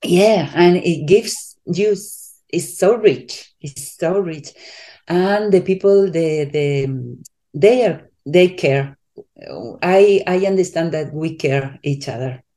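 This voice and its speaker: A woman from Spain with a Spanish accent, a coach being interviewed, speaking haltingly and searching for English words with many restarts. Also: lowish voice, dark tone. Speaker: coach, guest. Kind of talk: casual interview talk.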